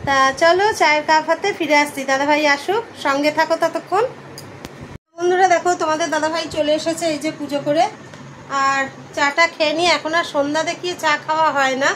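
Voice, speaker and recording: A middle-aged woman talks to her viewers as friends in a relaxed home vlog, her voice pitched high. She is filmed on a phone camera indoors, with a faint hum of street traffic behind her. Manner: chatty, addresses viewers as friends, coos at pet. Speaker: vlogger. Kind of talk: casual home vlog narration.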